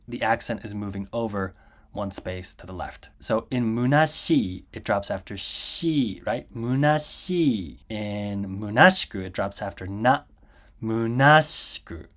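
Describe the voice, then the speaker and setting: Patient man teaching a language lesson. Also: on the low side. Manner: patient, explains step by step, models pronunciation slowly. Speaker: Japanese teacher. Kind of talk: slide-based language lesson.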